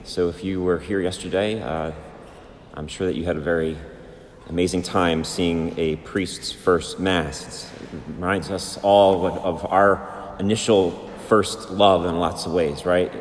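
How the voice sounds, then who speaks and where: Low-voiced priest in cathedral echo. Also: male voice, fairly even intonation, a little slow, slight background noise. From United States. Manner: chants the liturgical greetings. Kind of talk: sermon and liturgical reading. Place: large church, amplified in a reverberant space. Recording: cathedral echo, long church reverb.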